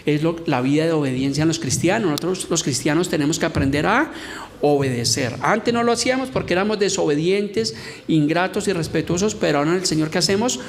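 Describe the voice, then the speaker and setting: A middle-aged man preaching a sermon in an earnest teaching tone, slowing down to read scripture and act out its lines. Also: on the high side, gravelly. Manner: earnest teaching tone, reads scripture and acts out quotes slowly. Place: church hall. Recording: reverberant church hall with faint background noise.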